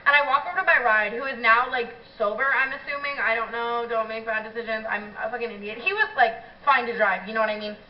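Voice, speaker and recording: A young adult woman YouTuber telling a story in a casual vlog, animated and profane, with constant filler words. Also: fairly high pitch, fast, few pauses. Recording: echoey room, distant dull mic.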